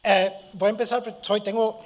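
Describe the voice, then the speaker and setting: A middle-aged guest lecturer from Gibraltar, a native English speaker, gives a university lecture while hoarse from a cold. His high-pitched voice stays flat, and he halts often, restarting sentences and using fillers.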